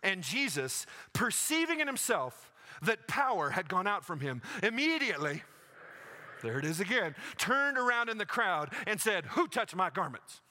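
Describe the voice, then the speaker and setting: Bright animated man preaching. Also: high-pitched, normal speed. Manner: animated storytelling preacher, acts out voices. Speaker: pastor. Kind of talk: sermon.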